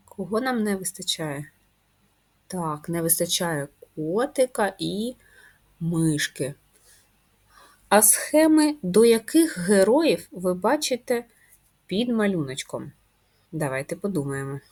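A woman's voice: fairly low pitch, lively intonation, takes it slowly, pauses often, a little mellow, slightly rough. A woman teaching a first-grade reading lesson, asking children coaxing questions and patiently spelling out sounds and syllables.

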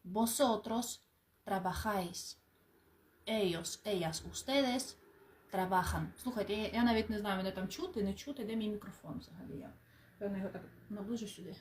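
A woman teaching a beginner lesson, calmly drilling words and endings with pauses for practice and occasional light asides. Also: medium pitch, slight background noise. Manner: clear, drawn-out drilling with pauses, warm asides and laughs. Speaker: language teacher. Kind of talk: slow, patient spoken lesson.

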